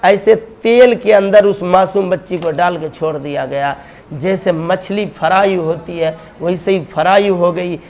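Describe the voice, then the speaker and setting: A male preacher retelling a story in a dramatic sermon, with a notably high voice. He is emphatic and calls out to his audience directly. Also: a little mellow.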